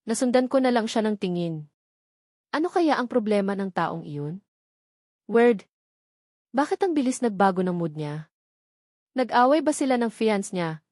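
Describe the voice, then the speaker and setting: A woman reads a first-person romance story with a middle-pitched voice and a conversational delivery. She drops English phrases into her narration. The recording is dry and close, with no room echo. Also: darkish tone.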